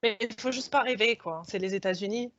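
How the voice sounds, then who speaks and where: A woman's voice: on the high side, a little fast, no room sound. A woman speaking frankly and with animation as a guest in a panel discussion. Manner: lively, frank, laughing. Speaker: alumna guest. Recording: dull lo-fi audio.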